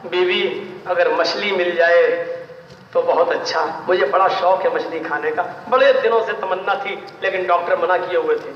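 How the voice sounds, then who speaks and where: A man voicing a gentle, mild-tempered man recovering from an illness, speaking calmly, in an echoey hall heard from far off. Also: high-pitched, moderate pace, muffled recording, a little hiss or hum, pitched below the performer's own voice, natural voice. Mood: longing. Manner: calm and soothing.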